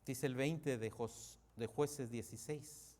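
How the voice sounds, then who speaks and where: A man preaching a sermon as pastor, emphatic, repeatedly calling out to the congregation, with sudden drops to a hushed voice. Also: medium pitch, takes it slowly.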